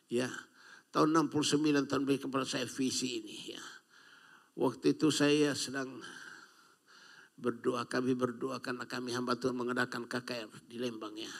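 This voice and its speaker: A man's voice: medium pitch, vocal fry. An older Indonesian man preaching a sermon, with calls and frequent amens to the congregation. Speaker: pastor.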